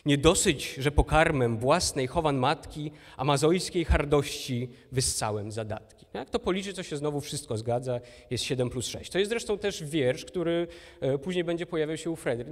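A man's voice: fairly high pitch, darkish tone, in a large hall. A man giving a lecture, talking it through with frequent hesitations and restarts. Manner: thinking aloud with hesitations and restarts. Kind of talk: recorded university lecture.

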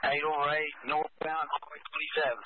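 A man's voice: on the high side, completely flat delivery, moderate pace. A man calling in a chase over a walkie-talkie, in clipped radio codes. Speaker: state trooper in pursuit. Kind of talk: terse police radio traffic. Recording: tinny scanner radio with static.

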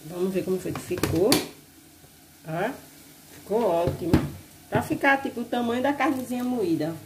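A home-cooking vlogger narrates casually while making food in a small kitchen, recorded on a phone. She speaks at normal speed with a medium pitch, against a noisy backdrop of a loud sizzling pan and clattering kitchenware.

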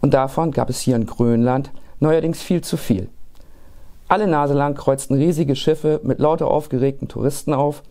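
A man reading a children's Christmas story aloud in a lively, expressive way. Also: mid-range voice, moderate pace.

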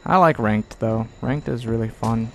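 A man's voice: medium pitch, a little slow, a bit bright, slight background noise. A young man giving casual gameplay commentary with playful, self-mocking banter.

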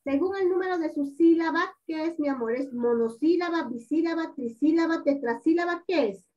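High-voiced patient woman teacher, online. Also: dark tone. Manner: patient, coaxing, repeats words slowly. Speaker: primary school teacher. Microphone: video call. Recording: dull lo-fi audio, distant from mic.

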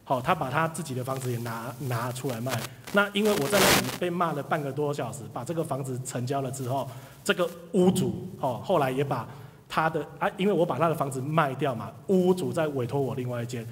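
A man, telling an audience a lively story about his sales career and acting out the people in it. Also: mid-range voice, brisk, slight background noise. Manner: animated storyteller, acts out quoted people. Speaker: speaker sharing career story. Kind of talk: live motivational talk to an audience. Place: hall with audience. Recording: reverberant hall.

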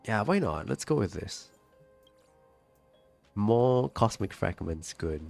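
Brief: male streamer with a cold, nasal and congested, relaxed and chatty, a touch low, faint game music underneath. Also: slow pace, creaky. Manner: relaxed, chatty, reading out viewer comments. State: sick with a stuffy nose and cough. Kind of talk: casual live-stream chat while gaming.

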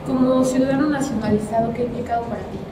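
A young adult woman hosting an interview, asking her prepared questions in a polite, measured way. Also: fairly high pitch, fairly even intonation. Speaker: interviewer and channel host. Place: high-floor room by a large window over a city. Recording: distant echoey camera sound, loud traffic noise.

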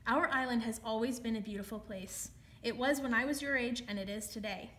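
A woman voicing a grouchy old male building super, telling a tale in a low, hushed way. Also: fairly quick, natural voice. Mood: solemn.

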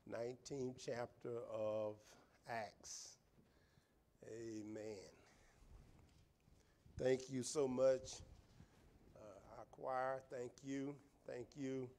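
A man's voice: medium pitch, a little mellow. An older man preaching a sermon from the pulpit of a church sanctuary, drawing out his words and repeating amens. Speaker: pastor. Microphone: pulpit microphone, far camera.

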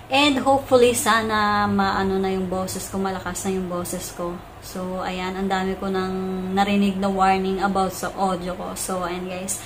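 A woman vlogger chatting casually, leaning on filler phrases and speaking loudly. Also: mid-range voice, flat delivery, measured pace, slight background noise. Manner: chatty, fills with "so, ayan guys"; speaking loudly to carry over a weak mic. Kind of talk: casual reaction vlog.

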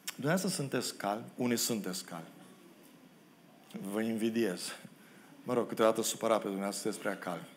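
A pastor from Romania preaching a sermon in a church, acting out the quoted biblical figures and making self-deprecating asides to the congregation. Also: male voice, fairly low pitch, long pauses, slight background noise. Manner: expressive preacher who acts out the biblical quotes. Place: church hall.

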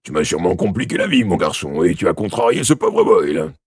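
Guy doing a grumpy scolding police inspector, husky low voice, bouncy delivery. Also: sing-song, fairly quick, darkish tone, dry recording, studio quality, full character voice. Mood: stern. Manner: stern, scolding. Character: gruff middle-aged male police inspector.

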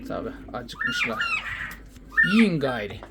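Here the Turkish quail keeper's voice is slightly high, and his pitch swoops wildly as he speaks slowly. He addresses his birds affectionately and soothingly for a casual vlog, while cooing pigeons and other bird sounds make the recording noisy.

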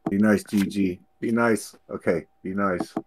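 Low male voice, relaxed poker-night player, chatty and joking, slight hiss. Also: normal speed. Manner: joking, self-talking banter. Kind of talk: casual chat during online poker.

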